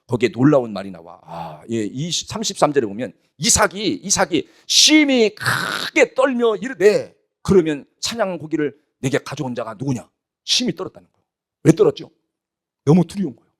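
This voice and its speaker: Lively, emphatic preaching man. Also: medium pitch, fairly quick, slightly rough. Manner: emphatic preaching with rhetorical questions to the congregation. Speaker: pastor. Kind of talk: sermon.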